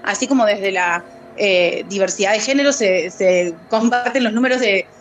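A woman's voice: mid-range voice, normal speed, slight background noise. A woman guest speaking as a fat activist, telling a personal story in a hesitant way, with many fillers and laughs between phrases. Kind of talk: conversational storytelling.

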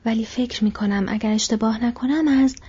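Woman doing a weary anxious young male hobbit, whispered role-play, breathy, mellow. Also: fairly high pitch, lo-fi sound. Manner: tired and anxious.

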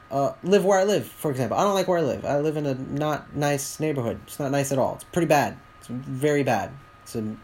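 A man, talking alone on his podcast in a rambling, candid way, often halting and restarting his sentences. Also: mid-range voice, a little mellow, slight background noise. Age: 20s. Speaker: podcast host. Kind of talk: solo podcast monologue.

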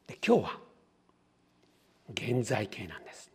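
A man's voice: fairly low pitch, wildly swooping pitch, a little slow, breathy edge. A man preaching a sermon as pastor, teaching in a questioning way and acting out small everyday scenes. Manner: teacherly, poses questions to the congregation; acts out little everyday scenes in different voices.

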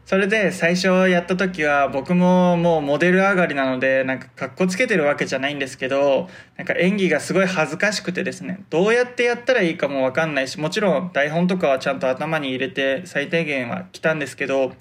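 A man with a somewhat high voice chats alone on his own podcast in a relaxed, rambling way. His everyday voice is quiet, but here he pushes it out from the diaphragm and shapes each word with care. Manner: soft-spoken, deliberately projecting from the diaphragm and articulating carefully. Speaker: podcast host. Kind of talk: casual solo monologue.

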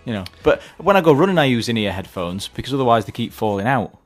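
A mid-pitched man co-hosts a radio show in easy, casual chat. He trades dry, wry remarks with his partner. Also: sing-song, quick pace, soft background music. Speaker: radio co-host.

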